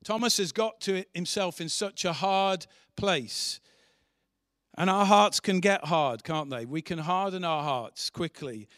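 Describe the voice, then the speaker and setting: Pastor guy preaching, kinda high voice, keeps asking the room questions. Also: unhurried, fairly bright tone, no echo, clean studio sound. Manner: earnest, asks the congregation rhetorical questions. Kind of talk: sermon. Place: church.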